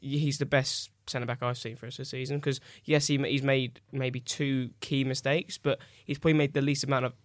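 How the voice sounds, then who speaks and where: A man's voice: medium pitch, flat delivery, brisk, hardly any pauses, no echo. A man giving opinionated football analysis on a fan podcast. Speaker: podcast panelist. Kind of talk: casual fan podcast chat.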